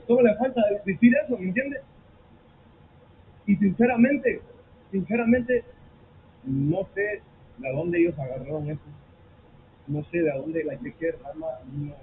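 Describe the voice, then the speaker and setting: Male pastor, high voice, bilingual sermon delivery, animated storyteller; tinny phone-quality audio. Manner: switches between Spanish and English mid-sentence; animated storytelling with acted quotes. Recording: tinny phone-like sound with faint noise.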